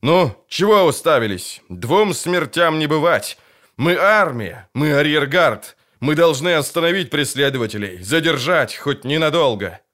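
A man reading an audiobook, voicing a desperate, cursing male soldier who barks hoarse orders. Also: on the high side, lively intonation, unhurried, fairly bright tone, pitched above the performer's own voice. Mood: urging.

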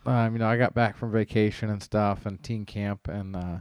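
A man co-hosting a podcast in relaxed chat, laughing along. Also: on the low side, normal speed, clean tone, no echo. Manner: laid-back, laughs along. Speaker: podcast co-host. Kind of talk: casual chat.

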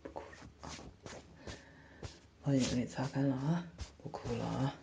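A man voicing a gentle, doting older brother who comforts and teases softly in a whispered role-play. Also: medium pitch, lively intonation, a little slow, gravelly, background noise. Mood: soothing. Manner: soft, soothing, coaxing, lightly teasing. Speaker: older brother tending a sister's wound.

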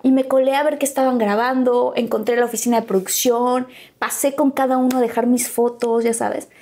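Mexican actress as interview guest, slightly high voice, lively anecdote-telling with acted-out quotes. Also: female voice, fairly quick. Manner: animated, acts out quoted dialogue. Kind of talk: casual storytelling interview.

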